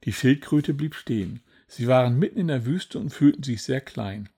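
A man reading a children's storybook aloud in a gentle, even manner. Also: medium pitch, normal speed, husky. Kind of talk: scripted storybook narration.

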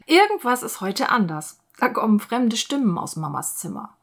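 A woman reading a children's storybook aloud in a clear, expressive, gentle way. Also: fairly high pitch, normal speed.

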